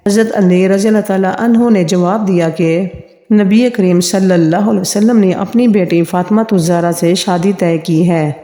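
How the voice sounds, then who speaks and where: A reverent storytelling voice with a dark, mellow tone, reading a scripted account at an even, steady pace. The sound carries a long, roomy reverb, as if it were recorded in a large echoing space. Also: mid-range voice. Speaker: narrator of religious history stories. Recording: reverberant, echoey room with long tail.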